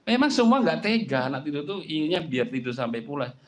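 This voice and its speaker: A man preaching an Islamic sermon in a conversational way, often dropping in "ya" and pushing his voice higher and louder to stress a point. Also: big pitch swings, fast. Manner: conversational, frequent filler "ya", voice jumps high and loud when stressing a point.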